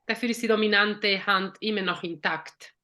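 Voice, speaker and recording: A woman's voice: mid-range voice, steady tone, moderate pace, bright, forceful tone. Woman therapist thinking aloud. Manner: thinks aloud, with fillers and self-corrections. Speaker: therapist in a journal club. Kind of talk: casual discussion.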